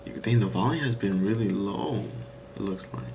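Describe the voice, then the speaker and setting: A man's voice: lowish voice, brisk, creaky, background noise. A young man talking loosely on a live trading stream, rambling and saying "bro" and "like" a lot. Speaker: day-trading livestreamer. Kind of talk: casual live-stream chat.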